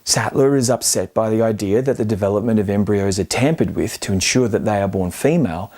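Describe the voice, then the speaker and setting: A man with a lowish, slightly mellow voice hosts a scripted film video essay, talking a bit fast. As a film commentary host, he comes across as emphatic, colloquial, and playfully argumentative.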